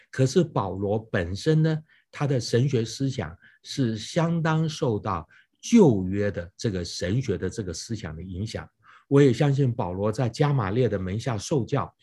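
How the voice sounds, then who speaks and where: A man's voice: mid-range voice, warm tone, slightly rough. A man preaching a sermon, explaining scripture with rhetorical questions and frequent fillers.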